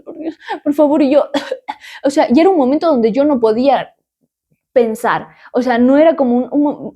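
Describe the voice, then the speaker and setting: A woman's voice: a little high, mellow. A young adult woman hosting a talk show, telling a personal story in an emphatic, repetitive way and acting out the sounds and cries she describes. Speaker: podcast host.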